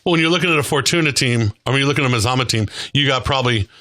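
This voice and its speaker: A man's voice: medium pitch, rapid-fire, sharp tone. A man hosting a local sports talk show, commenting on football and interviewing players.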